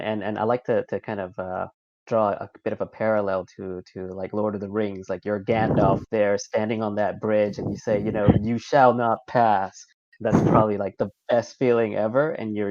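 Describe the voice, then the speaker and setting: A man speaking haltingly with many restarts and fillers as a panelist in a casual panel discussion. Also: fairly low pitch, darkish tone, no room sound, dull audio. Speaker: incident response panelist.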